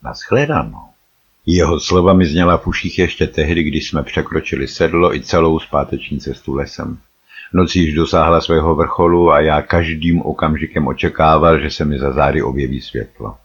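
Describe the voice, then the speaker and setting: Very deep-voiced male audiobook narrator. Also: fairly even intonation, slightly rough. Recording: slightly dull recording.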